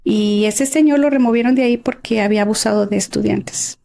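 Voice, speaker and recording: A middle-aged woman with a Mexican accent, a guest telling her life story in an expressive, emotional way. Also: mid-range voice, fairly quick, vocal fry. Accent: Mexican Spanish. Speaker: interview guest. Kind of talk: personal life story in conversation.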